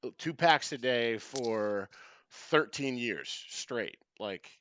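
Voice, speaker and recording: A man's voice: mid-range voice, animated, slow pace, fairly bright tone, a little hiss or hum. A man hosting a casual podcast chat from a remote mic, laid-back and swearing often, laughing as he talks. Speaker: podcast host. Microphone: remote call mic.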